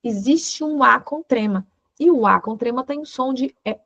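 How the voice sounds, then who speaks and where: A woman's voice: fairly high pitch, normal speed, vocal fry, a bit bright, no room sound, highs cut off. A woman teaching an online lesson, explaining patiently and checking in with short questions. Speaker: law teacher giving a German course.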